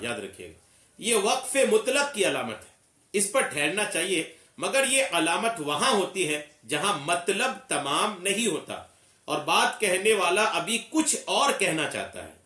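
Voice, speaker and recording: A man's voice: sits high, pushed and bright, echoey room, far from the mic. A man teaching Quran recitation, explaining patiently, repeating key points and asking and answering his own questions. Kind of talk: religious lesson.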